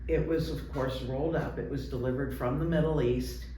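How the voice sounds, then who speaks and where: Man, conversational storytelling, explanatory, hesitant pauses, roomy sound, faint background noise. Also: mid-range voice, steady tone, far from the mic. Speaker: ghost tour company representative and guide trainer.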